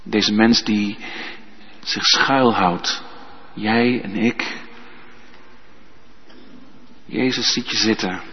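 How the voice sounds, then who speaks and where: Male pastor, slightly husky, unhurried delivery, church reverb on a dull recording. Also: on the low side, steady tone. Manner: slow, emphatic preaching with tag questions. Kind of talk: sermon.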